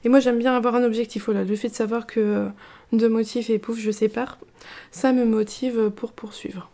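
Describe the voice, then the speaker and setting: A woman chatting casually as a knitting vlogger, relaxed and talkative, with frequent fillers and restarts. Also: a little high, moderate pace. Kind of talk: casual chat.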